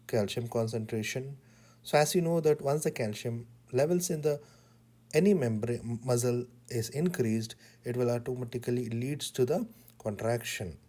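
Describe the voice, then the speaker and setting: A man teaching pharmacology in a slow lecture, repeating key words in short, deliberate phrases. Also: mid-range voice, warm tone.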